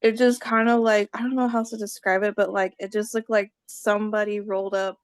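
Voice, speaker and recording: A woman's voice: medium pitch, flat delivery, fairly quick, smooth, dry recording. A woman co-hosting a casual online gathering, rambling and searching for words over a video call. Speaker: gathering co-host.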